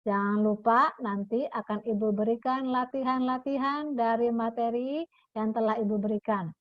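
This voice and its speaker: A woman's voice: fairly high pitch, normal speed, dry recording, muffled recording. A woman teaching her primary school class in a recorded online lesson, explaining patiently and often adding a checking "ya" to the ends of phrases. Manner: patient, explanatory, calls pupils "anak ibu", ends phrases with "ya".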